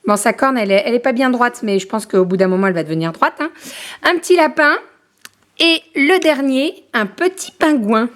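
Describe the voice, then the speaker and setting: A young mother films a casual vlog at home and chats to the camera in a fairly high voice. She fills her pauses with hesitations and keeps breaking off to talk sweetly to her baby. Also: animated, a bit bright. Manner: chatty, filler-heavy, turns aside to coo at her baby.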